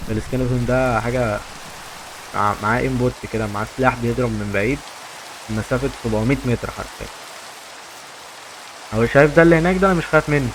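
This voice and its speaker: This is a young man with an Egyptian accent giving casual commentary on his own gameplay. He talks fast and chatty, often repeating phrases to his viewers. Rain and clicking sounds come through clearly in the recording. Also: mid-range voice, background noise. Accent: Egyptian Arabic. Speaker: gaming YouTuber.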